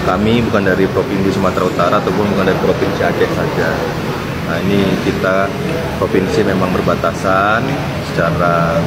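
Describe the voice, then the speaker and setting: An official explaining a position in an interview statement, measured. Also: male voice, deep voice, very noisy.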